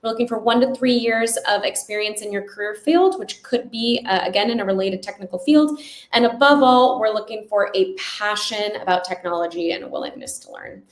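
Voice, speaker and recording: A woman giving an upbeat, salesy recruiting pitch with slides, speaking conversationally and often checking in with listeners. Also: a little fast. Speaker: company recruiter. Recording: echoey room sound.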